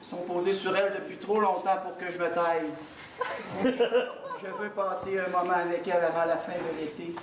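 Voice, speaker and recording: An earnest, lovesick youth played by a man in improv comedy, melodramatic and high-voiced, with a Quebec French accent. The sound is echoey, with faint noise. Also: fairly even intonation, moderate pace, natural voice. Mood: lovestruck. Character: lovesick, earnest young son pleading for forbidden love. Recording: echoey hall, distant mic, faint noise.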